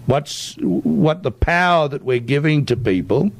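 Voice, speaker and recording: As a guest on an interview, an Australian tech entrepreneur makes his case in an emphatic, insistent manner, tagging on "right?" again and again. His voice is a little high and gravelly, animated, and delivered at a measured pace.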